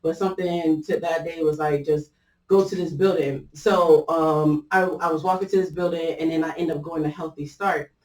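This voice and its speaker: A woman's voice: low voice, steady tone, normal speed, darkish tone, recorded from a distance. A woman casually telling a personal faith story, chatty and loose, with lots of fillers and easy laughter. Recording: echoey room, voice set back from the mic.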